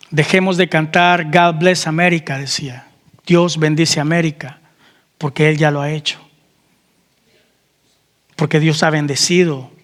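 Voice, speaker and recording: A man's voice: a little high, a bit bright, in a large hall. A man preaching a sermon as pastor, asking the congregation questions and calling out amen. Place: church hall.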